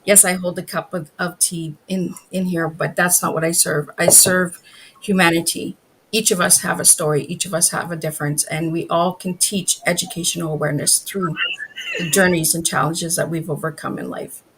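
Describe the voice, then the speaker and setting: A woman's voice: lowish voice, steady tone, moderate pace, fairly bright tone, breathy edge, low-quality recording. A woman from northern Ontario, a guest in a casual interview, talking candidly and openly about her own life. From northern Ontario, Canada. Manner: candid, open and emotional.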